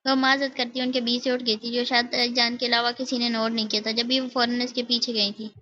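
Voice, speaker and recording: A woman narrating a romance novel in a steady, even reading. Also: on the high side, muffled recording. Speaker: audiobook narrator.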